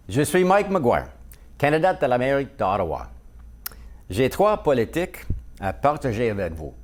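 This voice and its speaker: A man delivering a scripted campaign message as a mayoral candidate, point by point. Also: mid-range voice.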